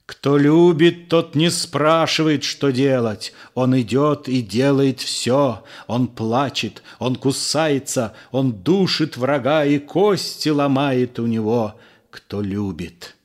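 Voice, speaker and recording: A man's voice: medium pitch, slow pace, natural voice. A man voicing a bitter, scornful disciple who accuses with fierce passion, in a storybook reading. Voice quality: fervent, accusing, sharply mocking. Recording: long room reverb.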